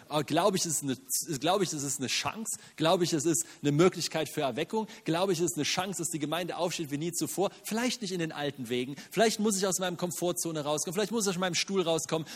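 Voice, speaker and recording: A man preaching a sermon in German, animated, with rhetorical questions, self-mocking asides and frequent "Amen". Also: fairly high pitch, husky, long reverb tail. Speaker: pastor.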